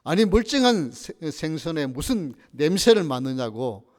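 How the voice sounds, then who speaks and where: A man voicing a gruff, hot-tempered male fish shop owner who snaps curtly, in a reverberant church. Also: on the high side, fairly quick, close to an everyday voice. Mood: angry. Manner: shouting, curt.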